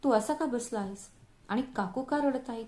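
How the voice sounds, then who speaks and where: A woman's voice: fairly high pitch, normal speed, dark tone, lightly acted. A woman voicing a nervous young second wife who asks hesitantly, in a storybook reading. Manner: frightened, hesitant. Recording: roomy echo.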